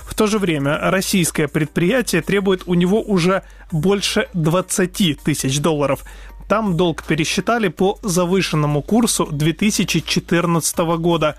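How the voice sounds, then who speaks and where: A man co-hosting a live radio news programme, presenting in a hesitant, halting way. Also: sits high, no room sound. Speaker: radio co-host. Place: radio studio.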